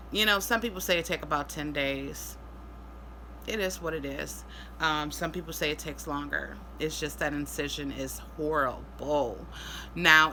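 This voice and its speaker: Woman vlogger, worn out and sore post-surgery, halting casual talk, bright voice, faint noise. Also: low voice, low-quality recording. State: tired and in pain after surgery. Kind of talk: casual personal health update vlog.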